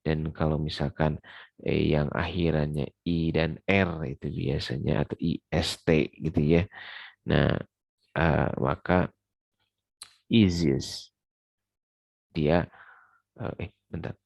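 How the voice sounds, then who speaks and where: Male English teacher, very deep gravelly voice, casual recorded lecture with lots of fillers, dry sound. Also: level tone, slow, no echo, highs cut off. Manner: many fillers, mixes English terms into explanations.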